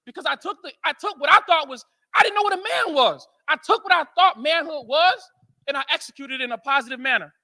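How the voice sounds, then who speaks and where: American conference speaker, male, high and sharp voice, storytelling motivator. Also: quick pace. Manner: animated storyteller, keeps asking "right?". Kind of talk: motivational speech to men.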